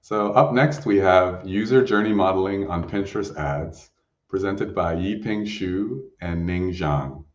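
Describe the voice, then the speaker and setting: Very deep male moderator, distant and echoey. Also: measured pace. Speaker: session host and moderator. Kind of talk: moderating a Q&A, reading questions. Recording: distant, echoey, slightly dull microphone.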